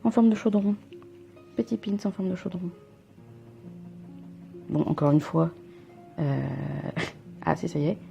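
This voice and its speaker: A woman's voice: lowish voice, unhurried, creaky, pauses often, dark tone, soft background music. A young woman vlogging an unboxing at home into a camera mic, chatty and rambling with self-mocking asides. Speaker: vlogger unboxing a subscription box. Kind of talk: casual unboxing chat.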